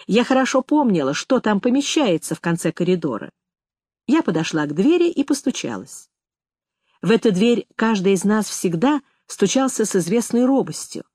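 A woman reading a first-person story aloud in a measured, expressive manner. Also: mid-range voice, dry recording, clean studio sound. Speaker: audiobook narrator. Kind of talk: first-person literary narration.

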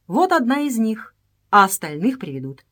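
A woman's voice: fairly high pitch, very animated, fairly bright tone. A woman reading an audiobook voices a proud, commanding princess in a raised, solemn tone. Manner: solemn, commanding, slow-paced.

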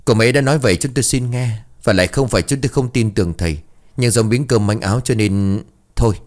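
A man's voice: medium pitch, quick pace, darkish tone, lightly acted. Man voicing a blunt, rousing village butcher for an audio story. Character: blunt, practical middle-aged village butcher.

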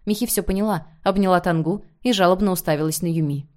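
A woman reading a novel aloud as an audiobook narrator, in measured, even storytelling. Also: fairly low pitch. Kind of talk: scripted narration.

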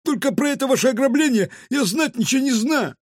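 An indignant scruffy alley cat. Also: male voice, very high-pitched, animated, husky, no room sound, clean studio sound, voice pushed up, full character voice. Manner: squealing, indignant, fast protests. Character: scruffy, whiny male street cat, a petty thief. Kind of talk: audiobook character voice.

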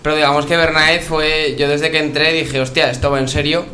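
A man's voice: on the high side, level tone, brisk, pushed and bright, slight background noise. A young man, a keyboardist in a band, answering casually in a radio interview. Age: young adult.

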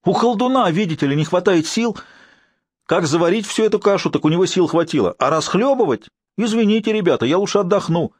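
A man shouting as a swearing hothead. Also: on the high side, unhurried, hardly any pauses, husky, no room sound, studio quality, pitched above the performer's own voice. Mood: sarcastic. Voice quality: yelling, coarse. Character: hot-tempered wiry man, shouting and swearing.

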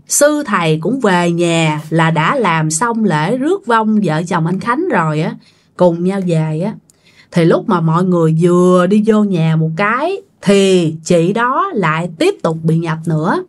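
A woman with a Southern Vietnamese accent telling a ghost story in a casual, chatty way and often speaking straight to her listeners. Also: medium pitch. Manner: chatty, addresses listeners directly.

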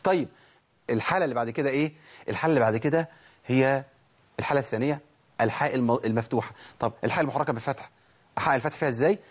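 A man's voice: mid-range voice, rapid-fire, pauses often. An Egyptian man teaching Quran recitation, drilling letter sounds aloud and asking and answering his own questions. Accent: Egyptian Arabic. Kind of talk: tajweed lesson.

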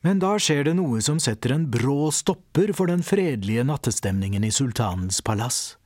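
A man narrating a children's audiobook in a lively storytelling manner. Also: medium pitch, no echo. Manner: lively storyteller, voices all the characters.

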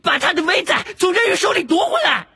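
A man voicing an excitable male house-elf servant in a shrill, squeaky, pleading voice. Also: fast, vocal fry, heavily acted. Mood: urgent squeaky.

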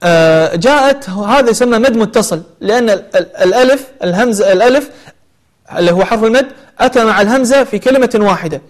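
A man teaching a tajweed lesson, explaining recitation rules and then chanting verses slowly with long drawn-out vowels. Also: high voice, lively intonation.

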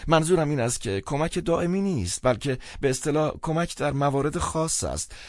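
A man's voice: on the high side, lively intonation, no echo, studio quality, pitched above the performer's own voice, lightly acted. A man voicing a tearful sentimental woman. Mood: hesitant. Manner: soft, pleading, tearful. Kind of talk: audiobook character reading.

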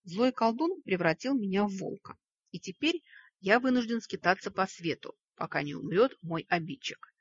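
A pompous, long-winded wolf lord from a storybook, as a woman reads him, husky and close in a dry space. He sounds touchy and grand about himself. The recording is dull and lo-fi. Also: medium pitch, animated, normal speed, dry recording. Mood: courteous. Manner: pompous, wordy and indignant. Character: talking wolf, a cursed pompous male lord.

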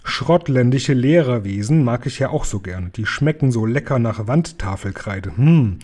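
A man voicing a brutish male giant who eats people, reading a storybook aloud in a loud, sneering and boastful way. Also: mid-range voice, expressive, normal speed, natural voice.

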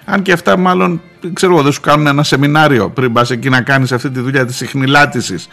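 A man, a journalist, telling a wry anecdote on the radio with lively asides. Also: mid-range voice, faint music behind. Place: radio studio.

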